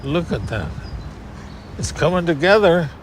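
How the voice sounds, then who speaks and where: A man's voice: on the high side, sing-song, a little slow, a little hiss or hum. An older man chatting casually and affectionately with his caregiver. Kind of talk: casual chat.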